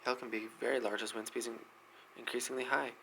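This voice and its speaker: A man hosting a weather news segment, reading articles aloud quickly with frequent slips and restarts. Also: medium pitch, level tone, gravelly, sharp tone, slight background noise, rough recording.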